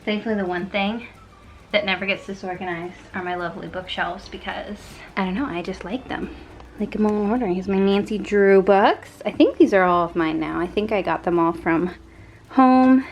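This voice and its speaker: A woman's voice: medium pitch, moderate pace, muffled recording, slight background noise. A young woman vlogging casually from her home office, chatty and rambling, laughing at herself often. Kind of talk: casual productivity vlog. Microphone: camera mic.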